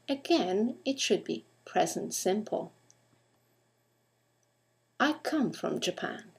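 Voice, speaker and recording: Slow, deliberate woman teaching grammar. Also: medium pitch. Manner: clear, deliberate, addresses the listener with questions. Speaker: English teacher. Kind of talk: recorded grammar lesson.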